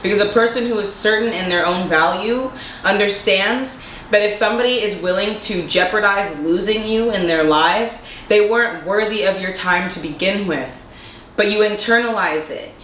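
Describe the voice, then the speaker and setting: With a slightly blocked nose, a young female vlogger addresses the camera earnestly in a relaxed monologue, throwing in rhetorical questions. She has a mid-range, somewhat bright voice at normal speed, recorded in an echoey room with faint noise.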